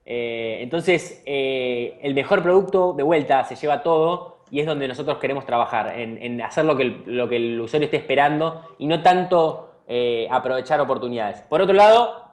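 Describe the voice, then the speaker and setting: An Argentine startup CEO, speaking with an Argentine Spanish accent, answers an interviewer's questions with earnest advice, often restarting his sentences. His mid-range voice keeps a moderate pace with hardly any pauses.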